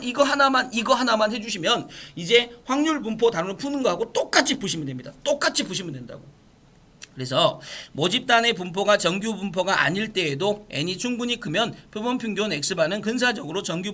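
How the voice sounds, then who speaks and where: Male math teacher, high, bright voice, lecturing step by step with constant check-in questions. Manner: explains step by step, asks students frequent check-in questions.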